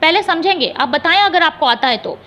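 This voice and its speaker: A woman's voice: very high-pitched, expressive, sharp tone. A woman teaching an exam-prep English lesson. She explains each answer step by step, spells words out letter by letter and keeps checking in with her students. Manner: reads English questions slowly and deliberately.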